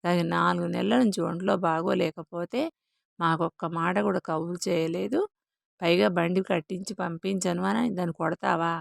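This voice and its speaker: A blunt, protective village brother who speaks forcefully for his family, as a woman narrator puts him on. The voice is low and gravelly, recorded close and dry. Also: fairly even intonation, moderate pace, dry recording. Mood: angry.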